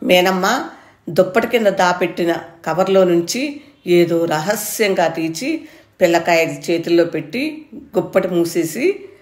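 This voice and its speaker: A woman narrating a short story in a measured, expressive way, her voice on the lower side. The recording has a noticeable roomy echo around her reading.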